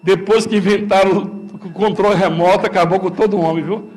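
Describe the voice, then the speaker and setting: High-voiced Brazilian pastor preaching emphatically. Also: male voice, fairly even intonation, a little fast. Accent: Brazilian Portuguese. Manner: emphatic preaching, colloquial and repetitive, swinging between loud calls and low asides. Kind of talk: sermon.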